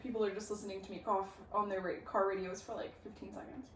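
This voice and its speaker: A woman in her late twenties co-hosting a podcast in casual chat, laid-back and quick to laugh. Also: mid-range voice, little pitch movement, a bit bright, recorded from a distance, a little hiss or hum. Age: late 20s. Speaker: podcast co-host. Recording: echoey room, a bit off mic.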